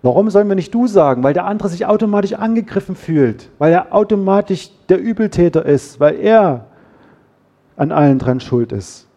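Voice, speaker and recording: A man preaching a sermon, lively, acting out quarrels in quoted voices. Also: high-pitched, normal speed. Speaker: pastor.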